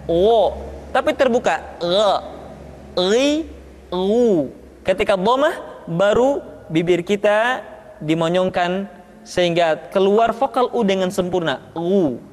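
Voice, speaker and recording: A man with a very high voice teaches letter sounds at a very slow, deliberate pace. He sounds out each syllable separately and repeats drills patiently, and a long reverb trails after his words. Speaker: Quran recitation teacher.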